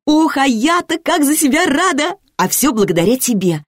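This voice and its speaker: A woman voicing a bubbly, happy young woman who chirps and gushes with excitement. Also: fairly high pitch, normal speed, no room sound, clean studio sound, voice pushed up. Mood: chirping. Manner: chirpy, gushing.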